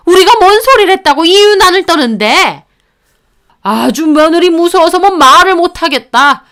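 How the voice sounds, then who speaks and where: A woman's voice: very high-pitched, fairly bright tone. A woman voicing an angry, self-righteous older in-law who scolds a daughter-in-law. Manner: scolding, indignant.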